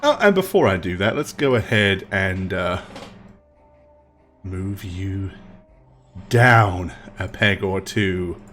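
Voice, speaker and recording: A man narrating as game master of a tabletop game, unhurried and hesitant, often pausing with "um". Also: low-pitched, lively intonation, fairly bright tone, faint music behind. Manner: unhurried, hesitant with frequent ums.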